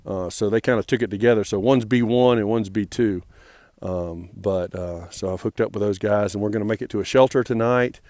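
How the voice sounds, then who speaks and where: A man's voice: lowish voice, a little fast, darkish tone, no room sound, studio quality. A man vlogging casually outdoors on a mountain trail, friendly and rambling, with many fillers and restarts. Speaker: hiker vlogging his trail days.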